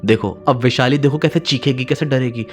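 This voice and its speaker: A man's voice: medium pitch, fairly quick, faint music behind, lightly acted. A teasing young prankster girl, as a man narrating puts her on. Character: playful mischievous young woman, prankster.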